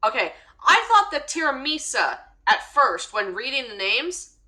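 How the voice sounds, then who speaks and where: A young woman streamer chats casually over her game in a blunt, swearing style. Her voice is bright and fairly high, and her pitch jumps around in animated bursts. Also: measured pace, poor audio. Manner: blunt, swearing, laughing often. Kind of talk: casual gaming commentary.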